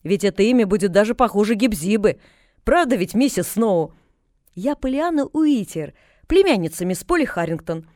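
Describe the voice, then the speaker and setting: A woman voicing a cheerful, chatty young girl who talks in a bright, excited, gushing way in an audiobook. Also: mid-range voice, normal speed, dry recording, clean studio sound, voice pushed up, natural voice. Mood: eager. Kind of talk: audiobook character reading.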